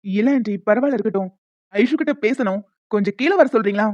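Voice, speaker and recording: In a cartoon voice-acting clip, a woman plays a polite, earnest young man who suddenly turns sharply accusing. Her mid-range voice is fast and darkish, lightly acted, with no echo. The recording is dull, dry and lo-fi.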